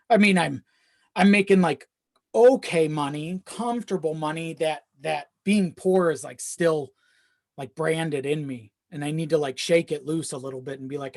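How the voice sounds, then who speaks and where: A young adult, speaking in a medium pitch with a little mellowness, talks candidly and casually, wandering from point to point and swearing casually along the way. This casual chat takes place in a home office in a small self-built shed, which sounds slightly echoey since it's unpadded.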